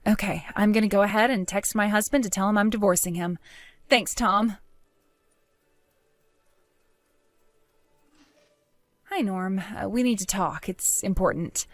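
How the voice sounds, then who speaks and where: A woman's voice: mid-range voice, steady tone, a little fast, no room sound, natural voice. A woman voicing a scheming, unfaithful young wife who coaxes and pleads to get her way. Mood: coaxing. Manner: pleading, coaxing.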